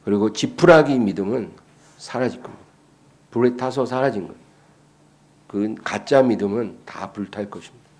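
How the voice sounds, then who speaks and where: Man, pastor, sermon, questions then answers, drops to a hush, then rises loud. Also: on the low side, moderate pace, pauses often. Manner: asks the congregation questions, then answers them; shifts between soft, hushed passages and loud, raised lines.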